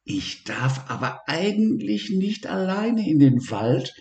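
Man putting on a high little boy voice, timid and worried, storybook, echoey room. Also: sing-song, takes it slowly, a little mellow, full character voice. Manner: raised childlike pitch, anxious. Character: young boy, gentle and worried.

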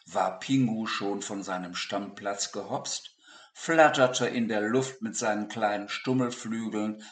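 A narrator reading a children's storybook aloud in a slow, expressive way. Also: medium pitch. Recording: echoey room.

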